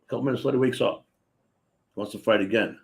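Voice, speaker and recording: A man's voice: fairly low pitch, fast, gravelly, slight background noise. A man in his sixties hosting a casual chat, telling stories animatedly and acting out the voices of the people in them. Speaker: host.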